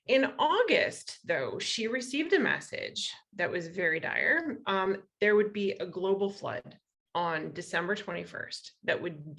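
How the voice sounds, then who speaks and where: A woman from western Iowa, United States, with an American accent gives an explanatory public talk as a guest lecturer. Her mid-range voice is creaky and a bit bright. She keeps things conversational, checking in with rhetorical questions.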